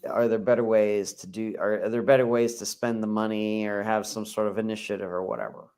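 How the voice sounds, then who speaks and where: A man co-hosting a podcast in casual chat, rambling with plenty of "you know" and gently teasing his co-host. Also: fairly low pitch, little pitch movement, brisk, smooth.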